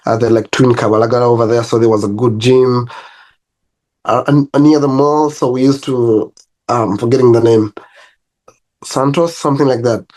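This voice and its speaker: Heard on a rough recording, this young Ugandan man with a Ugandan accent speaks at medium pitch and normal speed. A personal trainer, he relaxes into storytelling as a guest in a casual interview, with laughs and restarts along the way.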